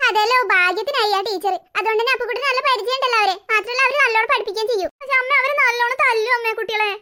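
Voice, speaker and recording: Strict cartoon mom, brisk and dismissive, high quick voice, played by an actor. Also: bright, forceful tone, heavily acted. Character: strict, no-nonsense cartoon mother.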